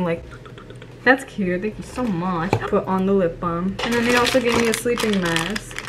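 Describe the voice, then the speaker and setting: Young woman vlogger, gushy and excitable, casual unboxing chat, noisy home recording. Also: medium pitch. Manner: excitable, swearing, gushing with squeals and laughs.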